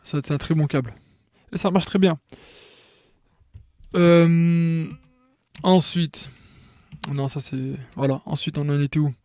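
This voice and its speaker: Slow and steady, with long pauses, a man whose voice is on the high side and a little mellow gives an informal tutorial in studio-quality audio with no echo. He goes step by step, restarting frequently, repeating words, and checking in with the viewer.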